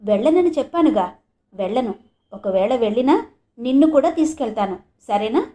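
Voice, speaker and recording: Madhav, a grown man, remorseful and tender, speaks low, hushed and grave in a storybook audio novel, as a woman narrator puts him on. His voice is soft and mellow, a touch above a man's usual pitch, and sits close to the narrator's own. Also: animated, normal speed, lightly acted. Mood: gentle, affectionate.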